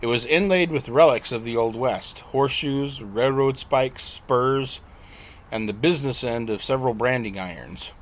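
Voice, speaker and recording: A man narrating his own novel as an audiobook in a plain, unhurried reading with an occasional slip he corrects. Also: mid-range voice.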